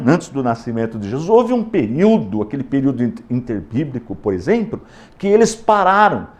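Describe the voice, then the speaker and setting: A man's voice: fairly high pitch, darkish tone. A man with a Brazilian accent teaching a recorded theology lesson, explaining step by step, repeating key words and asking questions. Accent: Brazilian Portuguese. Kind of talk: recorded classroom lecture.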